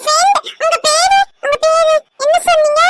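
A voice actor playing a lively, chatty little boy in a cartoon, eager and pleading as he talks. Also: normal speed, no echo. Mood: cheerful. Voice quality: very high, squeaky child voice. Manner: sing-song counting, eager and pleading. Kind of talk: cartoon voice acting. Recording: loud background noise.

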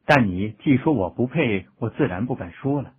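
A sincere, kind-hearted young man from a storybook, speaking gently and earnestly, as a male narrator plays him. The voice is husky with a lively pitch. The sound is thin and phone-like. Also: moderate pace. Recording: tinny phone-like audio.

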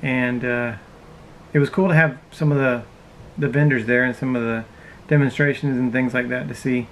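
A vlogger in his thirties chats in a casual, easygoing, rambling way from inside a parked RV, speaking to a camera close in front of him. His voice is medium-pitched, steady and fairly bright at a normal pace, and the low-quality recording has slight background noise.

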